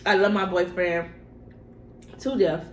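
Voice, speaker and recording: A woman's voice: lowish voice, steady tone, slow. A young adult woman chatting casually as a vlogger, informal and slangy, repeating herself for emphasis. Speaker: vlogger answering personal questions. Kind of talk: casual mukbang chat to camera. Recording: echoey room with faint background noise.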